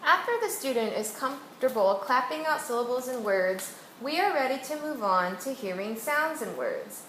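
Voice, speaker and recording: A woman teacher walks a student through a reading exercise, pronouncing each word slowly and deliberately so every sound can be heard. Her voice sits somewhat high. The recording carries a roomy echo and a faint background hiss. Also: very animated, a bit bright. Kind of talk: instructional demonstration with a student. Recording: echoey room with faint noise.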